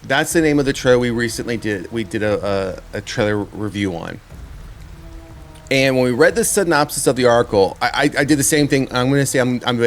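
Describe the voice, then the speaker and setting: With a medium-pitched, expressive voice and a slightly fast pace, a man hosts a horror trailer review show. His review is casual and rambling, and he frequently repeats his words as he figures out what he thinks.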